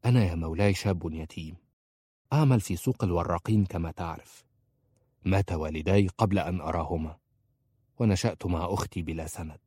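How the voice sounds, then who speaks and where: A man's voice: sits low, a little fast, warm tone, breathy edge, dry recording, clean studio sound. A man voicing a young orphan bookseller who pleads politely and persistently. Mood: earnest. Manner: earnest, respectful pleading. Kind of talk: audiobook character voice.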